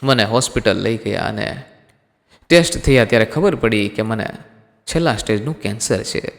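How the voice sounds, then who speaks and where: A man voicing a calm, dying young husband who speaks slowly and softly with sorrow. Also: fairly low pitch, creaky. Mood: gentle sorrow. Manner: slow, soft, sorrowful. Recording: long hall reverb.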